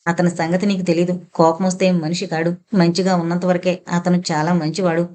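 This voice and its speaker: A female household attendant, voiced by a woman narrator coaxes and reasons with patient insistence. The voice is lowish, in the manner of an audio novel read aloud. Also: flat delivery, a little fast, darkish tone, close to an everyday voice. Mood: pleased. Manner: coaxing, reasoning. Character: persuading female household attendant, motherly advisor.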